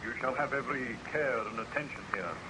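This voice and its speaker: A man's voice: medium pitch, fairly quick, natural voice. Formal, commanding ship's captain, noisy old radio, male actor. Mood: reassuring. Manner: formal, declamatory. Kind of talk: 1930s-40s radio serial acting.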